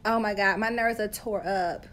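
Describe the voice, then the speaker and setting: A woman's voice: medium pitch, fairly even intonation, normal speed, a bit bright. A woman hosting a casual live stream on her phone, chatty and playful, reading viewer comments and talking straight to her audience. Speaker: host of a live stream, health coach.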